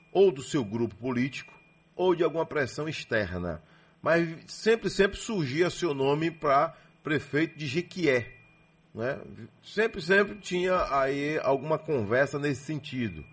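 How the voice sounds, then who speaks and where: A Brazilian radio host conducting an interview, asking chatty leading questions. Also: male voice, on the high side, sing-song, unhurried, fairly bright tone, husky.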